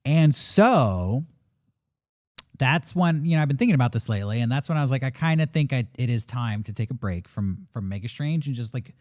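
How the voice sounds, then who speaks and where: A man's voice: medium pitch, expressive, a little fast, a little mellow, dry recording, studio quality. A man in his late thirties, a podcast co-host talking candidly and reflectively in casual chat, swearing now and then. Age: 30s.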